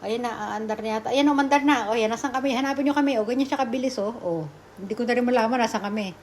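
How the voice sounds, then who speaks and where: A middle-aged woman with a Filipino accent, narrating her family vlog in a chatty, laughing voice-over recorded at night in a quiet room. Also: a little high, very fast, slight background noise. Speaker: vlogger.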